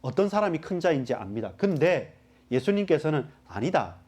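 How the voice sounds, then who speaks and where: A man preaching a sermon as pastor, talking straight to his congregation and explaining scripture with lively emphasis. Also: on the high side, normal speed. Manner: animated preaching, addressing the congregation directly.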